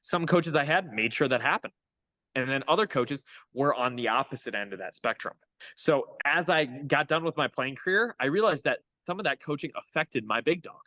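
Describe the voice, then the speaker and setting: Upbeat young man giving a bright pep talk. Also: medium pitch, expressive, normal speed, no room sound, poor audio. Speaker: guest hitting coach. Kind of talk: casual podcast interview.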